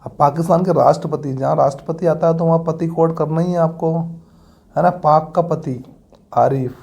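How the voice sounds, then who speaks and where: Man, exam-prep teacher, homely, mellow dark voice, somewhat high. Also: fairly even intonation, moderate pace, creaky, highs cut off. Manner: homely, addresses students as beta and bhaiya. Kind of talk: exam-prep mnemonic lesson.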